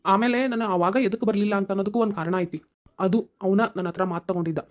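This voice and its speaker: A woman's voice: medium pitch, fairly even intonation, fast talker, a little mellow, dull audio, lightly acted. A woman voicing a wealthy, kindly middle-aged family friend in a cartoon, speaking earnestly in a North Karnataka Kannada accent. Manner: earnest, reassuring, long explaining speeches. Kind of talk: cartoon voice acting.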